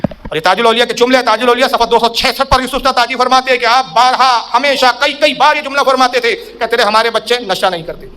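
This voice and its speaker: A middle-aged man preaching a religious sermon, telling stories and acting out the voices in them, rising to emphatic, raised lines at the key sayings. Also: very high-pitched. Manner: animated storyteller, acts out quoted saints and characters. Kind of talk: Urdu religious sermon with storytelling.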